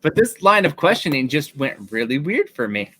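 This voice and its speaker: A man's voice: a little high, big pitch swings, moderate pace, pushed and bright. A man narrating as game master of a tabletop game, casual and thinking aloud.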